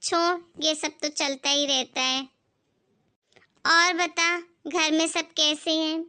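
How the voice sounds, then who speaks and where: Lady doing a bossy cartoon mom-in-law, snappy, squeaky high. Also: flat delivery, slow pace, exaggerated voice. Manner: sharp, dismissive. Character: scolding stingy middle-aged mother-in-law.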